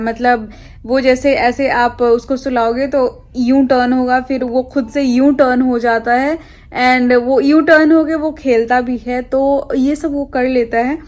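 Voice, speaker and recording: A young woman talks to camera in a relaxed, rambling way, filling gaps with hesitant pauses as she catches her viewers up. Her voice sits a little higher than average. She sounds like a lifestyle vlogger in casual conversation. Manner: chatty, rambling, with frequent hesitations.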